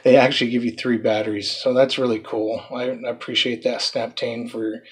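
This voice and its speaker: A man's voice: medium pitch, little pitch movement, fairly quick, husky. Chatty man unboxing a toy drone. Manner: chatty, loose, many fillers and restarts. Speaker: drone reviewer. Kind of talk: casual product unboxing review.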